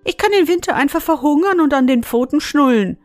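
A woman voicing a grumpy, stingy male hamster farmer in a storybook reading, speaking gruffly, loudly and with constant complaints. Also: a little high, normal speed, no echo, soft background music, lightly acted. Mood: furious.

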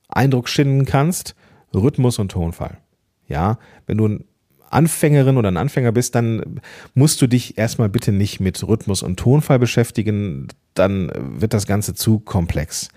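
A man with a fairly low, mellow voice hosts a solo podcast and gives tips. His pitch swings widely as he leans on key words and drops into pauses. The delivery is casual and animated. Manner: lively, plays with emphasis and pauses, casual asides. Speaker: podcast host.

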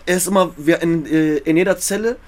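A guest tells prison stories in slangy, casual speech with an urban German multiethnolect accent, acting out dialogue and repeating phrases in animated storytelling. His voice is a little high and brisk.

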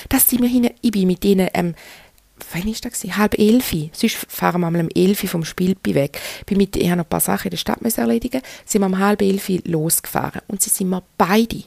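A woman's voice: medium pitch, a little fast, vocal fry, a little mellow, no echo. A woman in her thirties with a Swiss German accent, hosting a frank, chatty solo podcast and talking straight to her listeners. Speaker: podcast host. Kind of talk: candid solo podcast monologue.

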